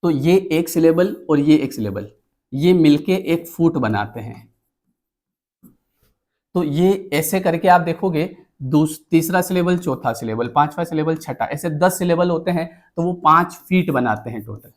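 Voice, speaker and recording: A man's voice: on the high side, animated, measured pace. A male teacher giving an exam-prep lecture on poetry meter, explaining step by step and often checking in with the class. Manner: counts items aloud while pointing at the screen.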